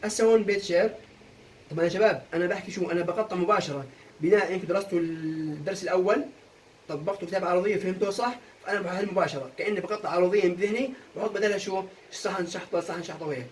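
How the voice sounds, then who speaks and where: A young man runs an exam-prep lesson, firing quick questions at his students and answering them himself. His voice sits high and his pace is fast. He sounds a little distant from the microphone, with a faint hum of room noise behind him. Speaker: teacher.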